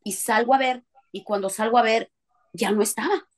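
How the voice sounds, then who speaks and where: A woman telling a lively story to her church group, laughing and trailing off as she goes. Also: on the high side, moderate pace. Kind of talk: casual storytelling testimony.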